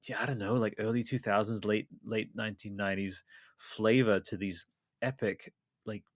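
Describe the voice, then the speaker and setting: Excited man in his thirties, lowish voice. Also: moderate pace, no room sound, studio quality. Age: 30s. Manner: enthusiastic, rambling with many fillers. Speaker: podcast host. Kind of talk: casual chat.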